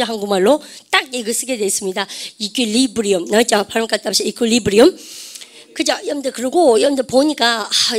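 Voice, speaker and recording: Woman teacher drilling vocab with questions. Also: on the high side. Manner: calls herself ssaem, keeps asking the class questions and drilling pronunciation. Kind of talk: lecture to exam students.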